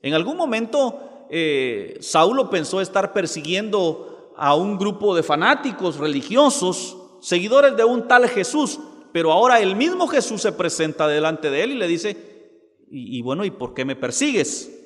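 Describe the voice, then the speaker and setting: A man preaching a sermon, slowing down to quote scripture dramatically. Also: sits high, very animated, fairly bright tone, long reverb tail. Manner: preaching with dramatic slow quotations.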